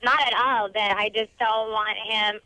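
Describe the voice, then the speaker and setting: A woman's voice: medium pitch, fairly even intonation, a little slow, sharp tone, no echo. A woman with a babyish, little-girl voice chatting casually and a bit defensively as a caller on a phone line. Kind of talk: casual chat. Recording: phone call to a radio show.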